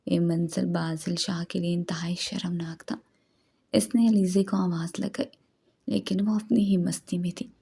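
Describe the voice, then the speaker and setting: Woman reading a romance audiobook, low gravelly voice. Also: a little slow. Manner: steady storytelling read. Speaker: audiobook narrator. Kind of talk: scripted novel narration.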